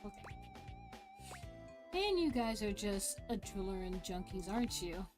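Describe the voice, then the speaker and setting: A woman's voice: mid-range voice, sing-song, a little slow. A woman giving casual gameplay commentary, thinking aloud to herself as she plays. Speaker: game streamer. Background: game music.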